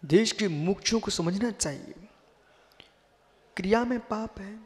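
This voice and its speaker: A middle-aged monk preaching a live sermon to an assembly, emphatic, swinging between quiet asides and loud bursts, asking listeners questions directly. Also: male voice, high-pitched, a little slow. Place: large hall before a seated assembly. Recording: long reverb of a large hall.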